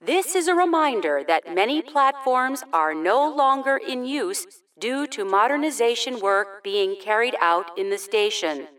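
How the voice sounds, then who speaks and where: A woman's voice: a little high, animated, a little slow, hardly any pauses, fairly bright tone, far from the mic. A woman playing a courteous station announcer reading a formal scripted public announcement.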